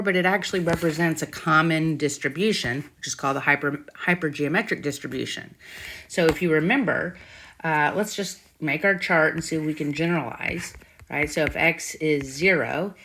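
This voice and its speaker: In an informal math tutorial recorded as a screen-capture voice-over, a woman teacher thinks aloud and keeps checking in with short questions. Her voice is deep with a fairly bright tone. Clicks and faint background noise come through.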